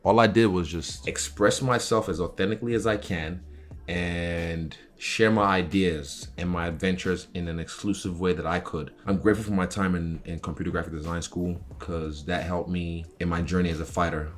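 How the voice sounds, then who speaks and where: A man's voice: sits low, steady tone, normal speed. A young man talking casually and candidly about himself in an informal interview style, swearing freely. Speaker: professional fighter talking about his interests. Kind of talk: casual chat answering interview questions.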